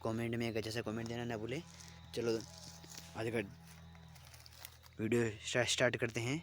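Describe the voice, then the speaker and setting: A man teaching an online exam-prep lesson, reading out word lists slowly and repeating phrases as he explains. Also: medium pitch, completely flat delivery, a bit bright, a little hiss or hum.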